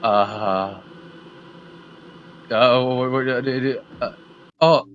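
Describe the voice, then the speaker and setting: Over his gameplay, a man at medium pitch speaks extremely slowly, rambling and apologizing with many fillers and restarts. The recording is muffled and carries slight background noise.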